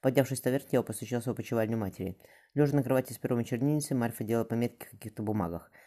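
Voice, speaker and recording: A man narrating a novel in a steady, even voice. He reads quickly, and his tone is dark and mellow. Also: medium pitch. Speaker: audiobook narrator. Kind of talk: scripted narration.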